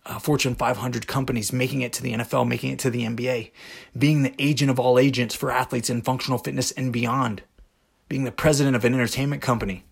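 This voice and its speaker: A man's voice: medium pitch, fairly even intonation, fast talker, vocal fry, husky. A man hosting a motivational podcast monologue, speaking directly and emphatically with rhetorical questions. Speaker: podcast host.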